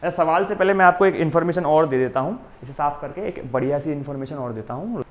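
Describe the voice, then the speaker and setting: A man with an Indian accent teaching a physics coaching class at a board. He stops often to ask "है ना?" and reads definitions out slowly, word by word. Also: fairly high pitch, expressive, lo-fi sound. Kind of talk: exam coaching lecture at a board.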